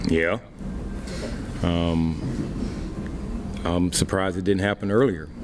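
Facing reporters after a game, a middle-aged baseball manager speaks into a desk microphone in a deep, steady male voice. His answers are plain and unhurried, filled with fillers, and heavy background noise surrounds him.

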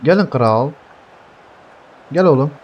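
A young man giving heated live gameplay commentary, swearing constantly and yelling at his teammates. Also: mid-range voice, lively intonation, slow, a little hiss or hum. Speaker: gaming streamer.

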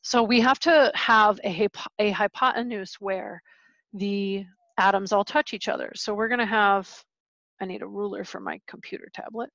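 A woman's voice: medium pitch, fairly even intonation, moderate pace, vocal fry, a bit bright, no room sound, highs cut off. A woman teaching a chemistry lesson over a screen recording from home, explaining in a casual, chatty way. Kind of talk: screen-recorded lecture walkthrough. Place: home, with pet dogs.

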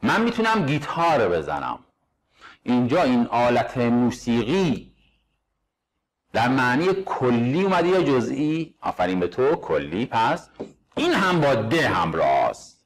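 A man with a Persian accent teaching English grammar, reading example sentences slowly and quizzing his students. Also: medium pitch, big pitch swings. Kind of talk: grammar lesson walkthrough.

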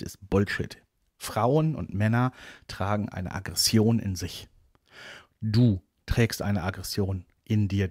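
A man's voice: on the low side, a little mellow, slightly rough, dry recording, clean studio sound. A middle-aged man hosting a casual coaching podcast, talking bluntly and directly to the listener.

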